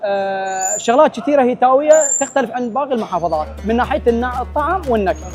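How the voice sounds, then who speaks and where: High-voiced, very fast Iraqi man over music. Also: lively intonation. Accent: western Iraqi Arabic. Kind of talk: casual market interview.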